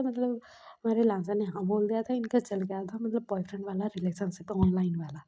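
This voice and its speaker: A woman retells a love story casually and chattily, with plenty of fillers. Her voice is very dark, and it has a husky edge. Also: mid-range voice.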